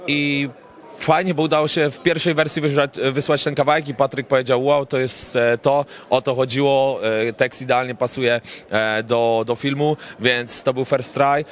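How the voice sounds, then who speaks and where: A young man, a rapper and songwriter, answering red-carpet questions in a relaxed, rambling way with many filler sounds, into a handheld reporter mic at a cinema premiere. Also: mid-range voice, moderate pace. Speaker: rapper and songwriter, interview guest. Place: indoor cinema premiere event, crowded lobby. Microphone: handheld reporter mic held near him.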